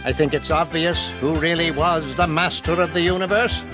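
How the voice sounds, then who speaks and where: A man's voice: fairly high pitch, fairly even intonation, moderate pace, lightly acted. Skeletor, a man voicing a gloating skeletal overlord. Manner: boastful and mocking, with cackling laughs. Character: gloating skeletal evil overlord, vain and cackling. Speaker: advert voice. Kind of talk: animated villain ad. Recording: music bed under the voice.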